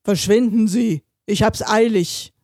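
A woman voicing a hot-tempered man late for his own wedding, shouting desperately. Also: medium pitch, unhurried, no room sound, studio quality. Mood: angry shouting.

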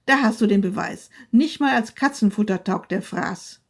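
A woman playing a loud, bullying husband. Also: medium pitch, lively intonation, fast, lightly acted. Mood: scornful. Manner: shouting, scornful.

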